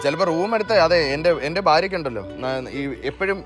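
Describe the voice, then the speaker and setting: A man's voice: on the high side, fast talker, music in the background. A Malayali man arguing insistently, stammering and repeating himself. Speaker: prank caller posing as wronged husband. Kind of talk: heated confrontation.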